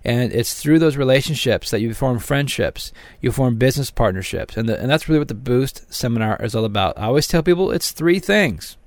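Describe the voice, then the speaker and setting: A man's voice: mid-range voice, lively intonation, a little fast, few pauses, dry recording, studio quality. A man hosting a promotional teleseminar, speaking straight to his listeners in a motivational sales patter. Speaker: seminar host and promoter.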